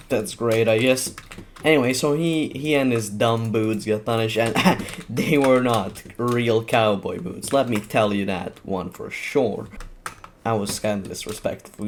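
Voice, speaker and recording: A man's voice: on the low side, slight background noise. A man who is a gaming YouTuber, telling a rambling story while playing and often laughing at himself. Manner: rambling, self-mocking, laughing at his own story.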